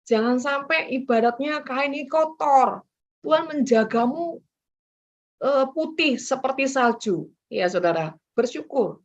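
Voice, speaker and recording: A middle-aged woman evangelist, preaching a sermon in a lively way and acting out quoted voices as she speaks straight to her listeners. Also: high voice, a little slow. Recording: dull muffled recording.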